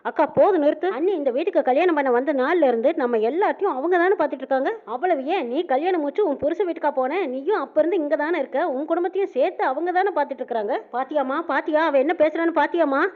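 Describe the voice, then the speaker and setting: A woman retelling a TV serial episode quickly, narrating and voicing the characters' lines in an animated way. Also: high-pitched. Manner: rapid, animated storytelling that slips in and out of quoted dialogue. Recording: tinny phone-like audio.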